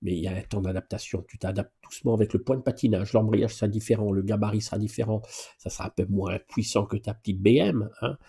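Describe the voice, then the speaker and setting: Husky-voiced chatty male driving instructor. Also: on the low side, fast. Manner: familiar, chatty, addresses viewers informally; lively exclamations and playful asides. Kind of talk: casual live Q&A driving lesson.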